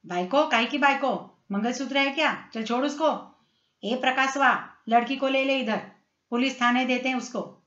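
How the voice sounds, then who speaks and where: A woman doing a rough, menacing thug. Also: high-pitched, moderate pace, a bit bright. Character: thuggish gang leader, rough and threatening. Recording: roomy, slightly dull recording.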